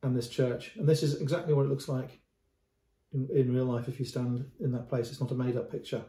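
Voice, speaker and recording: A middle-aged man with a mellow, relaxed voice talks through a painting for the camera, unscripted, with frequent repeated words and restarts. He is filmed at close range indoors, and the room gives his voice a noticeable echo. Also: medium pitch, brisk. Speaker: antiques dealer. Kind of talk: casual video commentary on a painting. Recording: roomy echo.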